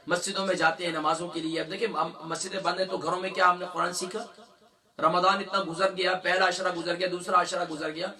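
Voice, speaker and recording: A man's voice: high voice, little pitch movement, pushed and bright, distant mic. A man teaching Quran recitation in a tajweed lesson. He asks the class questions, answers them himself, and stretches out letter sounds to demonstrate them.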